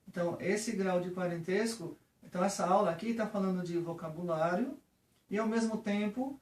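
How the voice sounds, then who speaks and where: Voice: mid-range voice, a little mellow. A teacher with a Brazilian Portuguese accent giving a patient lesson on English vocabulary, often checking in with the viewer. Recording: roomy, from a distance.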